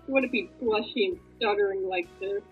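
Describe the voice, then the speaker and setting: A woman with a mid-range, slightly breathy voice reads fan fiction aloud at a fairly quick pace, soft music playing behind her. She comments as she goes, making informal, sweary jokes. The audio is thin and lo-fi, like a phone recording.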